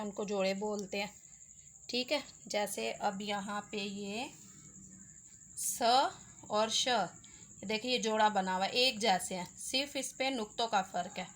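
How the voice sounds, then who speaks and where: A woman's voice: fairly high pitch, a bit bright. A woman teaching Urdu letters step by step, patiently sounding out each letter with its vowels. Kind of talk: slow step-by-step lesson.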